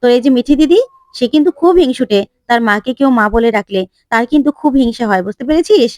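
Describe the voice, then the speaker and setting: Kind but firm mom type, read by a woman, bit high voice, dry sound. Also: lively intonation, quick pace, darkish tone, no room sound, close to an everyday voice. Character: kindly firm middle-aged mother.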